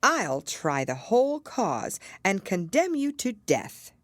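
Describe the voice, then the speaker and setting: A woman's voice: medium pitch, sing-song, slow, dry recording, studio quality, pitched above the performer's own voice. A woman voicing a cunning, domineering dog in storybook verse, with a bossy, declamatory manner. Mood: menacing. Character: cunning, domineering cur bent on prosecuting. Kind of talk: children's verse character voice.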